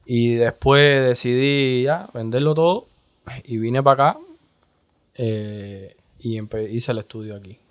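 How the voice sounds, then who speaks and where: A man from Cuba with a Cuban Spanish accent, a music producer speaking as a guest in a relaxed interview, often tagging "¿entiendes?". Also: medium pitch. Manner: slow, laid-back, repeats "¿entiendes?". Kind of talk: casual interview.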